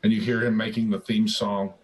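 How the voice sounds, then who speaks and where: A man's voice: fairly low pitch, little pitch movement, brisk, low-quality recording. A man narrating as dungeon master in a casual, chatty way, humming little tunes and often restarting his phrases. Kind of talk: narrating a tabletop game.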